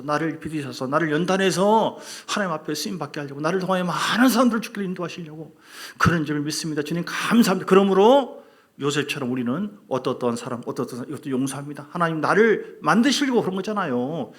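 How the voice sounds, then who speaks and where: A man's voice: fairly high pitch, fast talker. A male pastor preaching a sermon, talking to the congregation in a conversational way and asking them questions. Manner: animated, acts out quarrels in a loud put-on voice.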